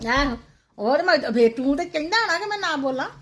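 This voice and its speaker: A woman's voice: high voice, expressive, a little fast, a bit bright. A village vlogger from Punjab, India, performing a comic nagging monologue in a scolding manner, her voice rising and dropping sharply.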